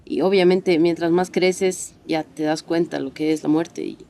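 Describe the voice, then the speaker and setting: A woman's voice: sits low, level tone, unhurried, warm tone. A woman, talking reflectively and a little hesitantly about a childhood memory in a documentary interview. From Bolivia. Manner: reflective, hesitant, lightly laughing. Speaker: interviewee, daughter.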